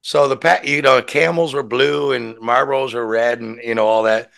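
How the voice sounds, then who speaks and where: A man's voice: mid-range voice, fairly even intonation, normal speed, gravelly, fairly bright tone. A man chatting casually and telling rambling anecdotes with quoted dialogue and free swearing, talking while smoking a cigarette. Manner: rambling storyteller who swears freely and acts out quotes. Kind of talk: casual chat, animated anecdotes.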